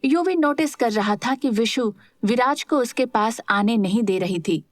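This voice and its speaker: A woman narrating a serialized romance audio drama in a steady storytelling manner. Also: on the high side, unhurried, no echo. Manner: steady storytelling, voices all parts.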